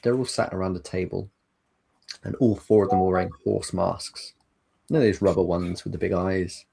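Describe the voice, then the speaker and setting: A man narrates a tabletop role-playing game as its game master. His voice is low, gravelly and husky. He sets scenes in an unhurried, descriptive manner. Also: flat delivery, dark tone.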